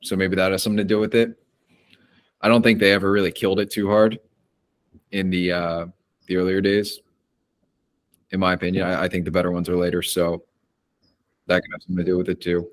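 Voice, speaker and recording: A man's voice: deep voice, flat delivery, brisk, long pauses. A man chatting casually about music, wry and teasing in a loose way. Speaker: co-host ranking songs. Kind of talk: casual chat.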